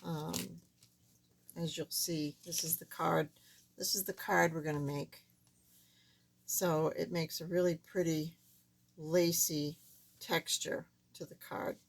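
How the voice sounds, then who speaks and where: Lady doing a casual craft how-to, thin reedy squeaky voice thats not back to normal, really slow and halting. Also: fairly even intonation, gravelly. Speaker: card-making tutorial host.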